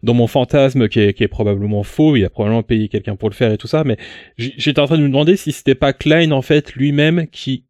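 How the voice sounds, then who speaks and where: A man's voice: mid-range voice, steady tone, fast talker, a little mellow, no echo, clean studio sound. A man co-hosting a casual podcast about a novel, playful and a bit stammering. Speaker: podcast co-host. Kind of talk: casual book discussion.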